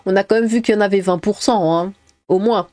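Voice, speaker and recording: A woman's voice: mid-range voice, moderate pace, warm tone, no echo. A woman streaming live, giving blunt, opinionated reaction commentary with rambling asides while reading chat aloud, on a close desk mic.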